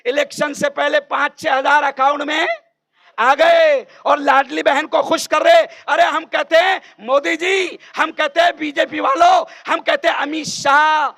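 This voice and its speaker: High, gravelly man shouting a rally speech. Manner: shouting call-and-response with the crowd. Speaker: political rally speaker. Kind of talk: fiery campaign speech.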